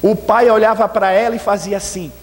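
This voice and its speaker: Brief: Brazilian male preacher, high voice, lively storyteller, long church reverb. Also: a little fast. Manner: lively storytelling, often addresses the listeners as brethren. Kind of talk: storytelling sermon. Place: church sanctuary.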